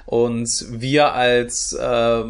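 A man's voice: medium pitch, flat delivery, extremely slow, gravelly, clean tone. A young adult man from Germany answering interview questions in a thoughtful way, with many fillers and restarts. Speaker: guest, youth project leader.

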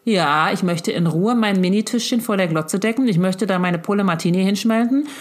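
A woman's voice: medium pitch, fairly quick. Effusive, chatty middle-aged woman. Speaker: mother addressing her grown daughter. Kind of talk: casual video message. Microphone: handheld phone.

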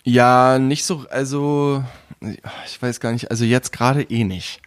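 Casting: young man from Brandenburg, middle-pitched, rambling and hesitant, very dry close sound. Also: steady tone, unhurried, clean tone, no echo. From Brandenburg, Germany. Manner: rambling, hesitant, many fillers and restarts. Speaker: podcast guest, photographer. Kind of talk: casual chat.

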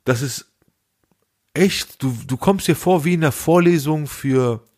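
This young co-host speaks at a measured pace in a fairly high, slightly mellow voice. His podcast talk is casual and slangy, and he brings his anecdotes to life by acting out the dialogue.

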